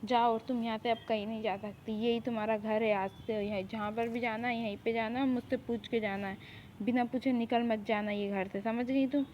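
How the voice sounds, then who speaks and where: A woman's voice: on the high side, steady tone, brisk, close to an everyday voice. A woman voicing a harsh young male mafia boss who gives orders in a commanding, scolding way, in a fan audio drama. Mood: cold, bossy. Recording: tinny phone-like recording, faint hiss.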